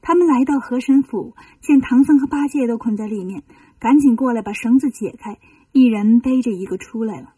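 A woman storyteller reading a children's story in a lively, expressive way. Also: a little high, fairly quick, breathy edge, no echo, recorded from a distance.

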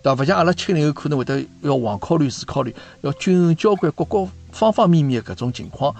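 A man's voice: fairly high pitch, lively intonation, fast, gravelly, a little mellow, soft background music. A man in his fifties with a Shanghainese accent, hosting a casual chat and often checking that his guest agrees. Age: 50s. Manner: chatty, often asks for agreement. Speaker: host.

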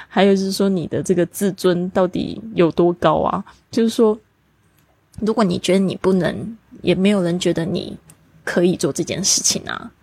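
A woman hosting a language lesson podcast, explaining new words and spelling them out slowly. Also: lowish voice, creaky, a little mellow, slightly rough, no echo. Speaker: English teacher.

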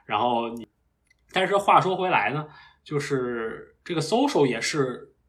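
A man's voice: medium pitch, expressive, a little slow, a bit bright. A young man, a recent PhD graduate, talking as a guest in a casual podcast interview, thinking aloud in a reflective, meandering way with frequent restarts. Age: young adult.

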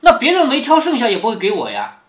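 Touchy young noble lady with a sharp tongue, as a dad reads her, pointed, roomy echo. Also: very high-pitched, huge pitch swings, fast talker, full character voice.

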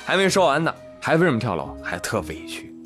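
Animated man telling funny news stories. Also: mid-range voice, fast, faint music behind. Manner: animated storytelling, acts out every character in quotes; laughs often while talking. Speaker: talk show host. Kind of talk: comic news talk show.

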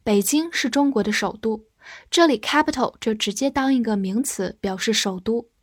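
A woman whose first language is Chinese, teaching English vocabulary, patiently spelling words letter by letter and leading slow read-alongs. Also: fairly high pitch, no echo, studio quality.

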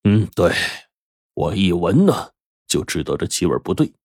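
Man voicing an old fox of a father, low measured voice, dry close sound. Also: sing-song, darkish tone, no echo, heavily acted. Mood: knowing. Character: shrewd old father, calm and sly.

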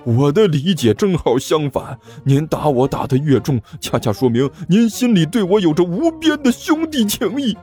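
A man voicing a whiny younger sworn brother who begs, high and fast, in a husky voice with soft music behind. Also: wildly swooping pitch. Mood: pleading. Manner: high, fast, wheedling and begging.

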